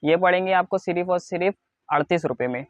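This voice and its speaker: An Indian man giving a product showcase as a wholesale seller, in a repetitive, insistent sales pitch that stresses low prices. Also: fairly quick, no echo. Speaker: wholesale clothing seller presenting stock.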